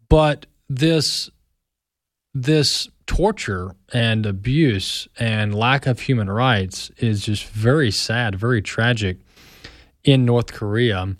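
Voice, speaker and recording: A man's voice: medium pitch, no echo, clean studio sound. A male radio talk show host interviewing a guest in a friendly, loose way with frequent fillers.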